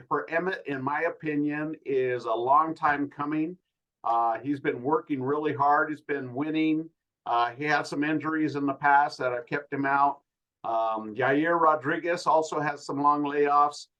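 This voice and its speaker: A man hosting a casual fight podcast, talking through the matchup in a measured, laid-back way with many pauses. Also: fairly high pitch, fairly bright tone, rough recording. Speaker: podcast host. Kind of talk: casual MMA podcast analysis.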